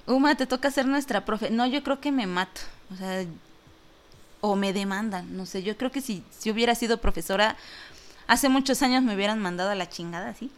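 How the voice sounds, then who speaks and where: A woman's voice: medium pitch, normal speed. A woman with a Mexican accent hosting an online talk show, chatting casually and jokingly as she reads out listener comments. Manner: chatty and joking, lots of fillers and laughter.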